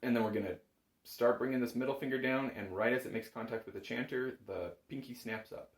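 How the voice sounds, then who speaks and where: In a small music room at home, a bagpipe chanter instructor gives a relaxed, step-by-step lesson, patient and encouraging. His medium-pitched voice moves briskly with fairly even intonation. The roomy, echoing sound carries slight background noise.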